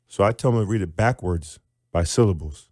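Male teacher-author guest, animated explainer, low warm voice, dry close sound. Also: fairly quick, no room sound. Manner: animated, demonstrates sounds aloud.

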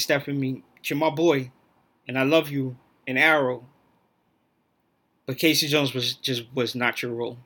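A man's voice: a little high, bright, forceful tone. A man hosting his own podcast, talking alone in a blunt, profane, opinionated rant. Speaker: podcast host.

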